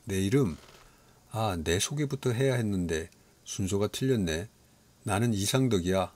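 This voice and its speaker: A man's voice: lowish voice, animated, moderate pace, a little mellow. A man voicing a cheerful, friendly father in a storybook reading.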